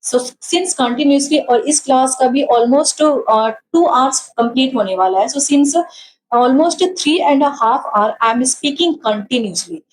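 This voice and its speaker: A tired woman with an Indian accent teaching an exam-prep lecture, mixing Hindi and English, slow over definitions and quick in her explanations. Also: high-pitched, a little hiss or hum, poor audio.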